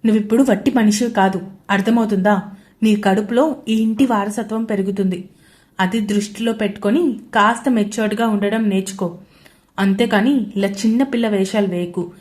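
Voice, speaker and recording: A woman voicing an arrogant, teasing young husband in a loud, taunting way. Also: mid-range voice, moderate pace, lightly acted. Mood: scolding. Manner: louder, taunting delivery.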